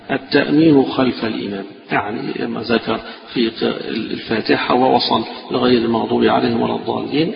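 A gravelly, fast-talking Egyptian sheikh delivers a mosque lesson, scolding his students and stumbling over quick restarts. His voice rings through a long, echoey hall, captured on a dull, low-fi recording with a steady hiss underneath. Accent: Egyptian Arabic. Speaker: sheikh teaching a classical fiqh text.

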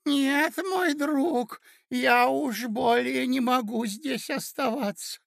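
A man's voice: very high-pitched, slow, vocal fry, a bit bright, no echo, clean studio sound, voice pushed up, heavily acted. A man voicing a frail, muddled elderly prince who speaks in a quavering, plaintive way. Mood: fretful. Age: older.

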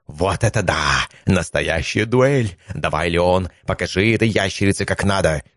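A man voicing a rowdy, boastful male god of duels who yells in exuberant excitement. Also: lowish voice, normal speed, dry recording, clean studio sound, pitched above the performer's own voice. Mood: exultant.

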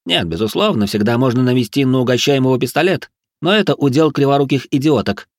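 A man voicing a pompous, ranting aristocrat who lectures and barks cooking orders in a shrill, squealing voice. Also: expressive, fast, dry recording, clean studio sound, natural voice. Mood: manic lecturing. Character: shrill manic aristocratic male drill-sergeant cook. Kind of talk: audiobook character voice.

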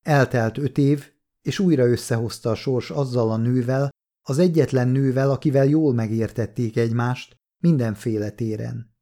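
A man narrating a novel as an audiobook, reading in a calm, measured way. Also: medium pitch. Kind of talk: scripted narration.

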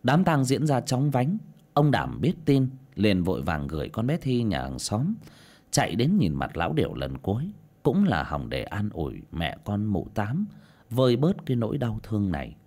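A man narrates a folk tale in a dramatic, expressive storytelling manner. His voice sits a little low and swoops widely in pitch as he tells it. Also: moderate pace.

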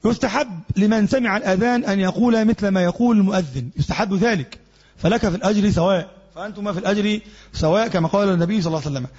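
A man's voice: sits high, rapid-fire, a little mellow, husky, highs cut off. A man with an Egyptian accent teaching a classroom lesson as a sheikh, explaining points and asking the class rhetorical questions. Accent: Egyptian Arabic. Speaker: sheikh teaching Islamic jurisprudence.

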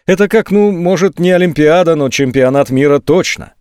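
A man's voice: fairly high pitch, normal speed, clean tone, dry recording, clean studio sound, voice pushed up, lightly acted. A man voicing an anxious young woman. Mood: defensive. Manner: soft, pleading, defensive.

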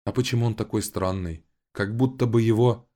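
A man's voice: lowish voice, fairly quick, warm tone, voice pushed up, natural voice. A man voicing an anxious, wistful young woman who pleads hesitantly, in an audiobook. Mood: puzzled. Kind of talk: audiobook voice acting.

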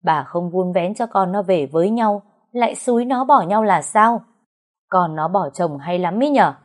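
A woman voicing a stern aging father who lectures his grown daughter in a firm, slow, measured way. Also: lowish voice, a little mellow, lightly acted.

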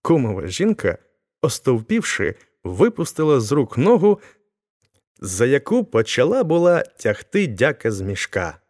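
A man reading a classic tale aloud as an audiobook narrator, with expressive storytelling. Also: mid-range voice, unhurried.

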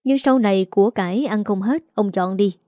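A woman voicing a shrill, scheming young wife who nags her husband, in a Southern Vietnamese accent. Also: normal speed, mellow, no room sound, studio quality, close to an everyday voice. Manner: shrill, nagging.

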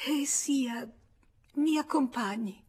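A woman reading an audiobook, voicing a flustered refined married woman who stammers in a hushed, breathless way. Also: on the high side, lively intonation, slow pace, breathy edge, pitched above the performer's own voice, heavily acted.

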